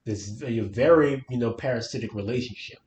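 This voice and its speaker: A man's voice: medium pitch, a little fast, a little mellow, slight background noise. A man thinking aloud in an echoey room. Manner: searching for words, thinking aloud. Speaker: podcast co-host. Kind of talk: casual book-discussion chat. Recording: roomy echo.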